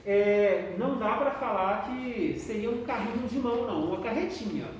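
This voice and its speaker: A woman's voice: on the high side, moderate pace, a little mellow. A woman teaching a class, explaining patiently and often checking in with the students. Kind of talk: classroom lesson. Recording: echoey room, distant mic, faint noise.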